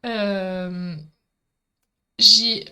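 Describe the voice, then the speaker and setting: A woman's voice: medium pitch, fairly even intonation, extremely slow, pushed and bright, clean tone. A middle-aged woman with a Marseille accent, chatting with viewers while she demonstrates a craft project live. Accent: Marseille French. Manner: chatty, talkative, addresses viewers directly.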